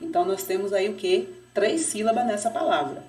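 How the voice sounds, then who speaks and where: A woman teacher gives a reading lesson to small children at home, pausing to sound out each example word syllable by syllable. Her pitch is mid-range, and she sits somewhat back from the microphone, so her voice sounds a little distant. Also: lively intonation, a little mellow. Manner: slow, drawn-out syllables on example words. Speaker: primary school teacher. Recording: voice a bit distant from the mic.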